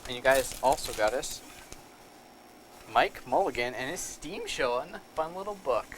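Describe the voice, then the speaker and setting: A man's voice: mid-range voice, lively intonation, moderate pace, slight background noise, rough recording. A man hosting a casual live show, upbeat and reading viewer comments aloud. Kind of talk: casual live-stream chat.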